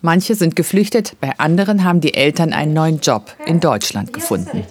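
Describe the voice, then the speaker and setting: A woman narrating a scripted news report calmly and clearly. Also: low voice, moderate pace.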